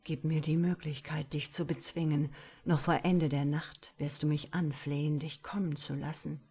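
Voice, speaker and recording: Woman putting on a low husky domineering man. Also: little pitch movement, dark tone. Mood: commanding. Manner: low, slow, taunting commands. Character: domineering commanding man, teasing and cold.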